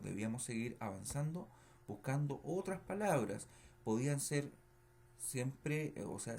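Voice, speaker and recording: Slow, patient male teacher checking in often. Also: mid-range voice, darkish tone. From Chile. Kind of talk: recorded remote lesson feedback.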